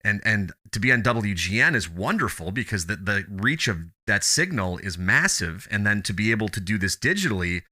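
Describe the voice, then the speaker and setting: A man's voice: fairly low pitch, expressive, moderate pace, few pauses, bright, forceful tone. A man speaking as an interview guest, reflective and earnest, repeating phrases for emphasis in a conversational way. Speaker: podcast guest, teacher and radio show host.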